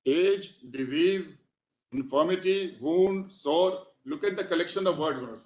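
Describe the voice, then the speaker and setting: A man's voice: on the high side, a little slow. A man with an Indian English accent argues as an advocate before the court, formal and deferential, saying "my lord" again and again. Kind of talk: courtroom legal argument. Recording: echoey courtroom audio.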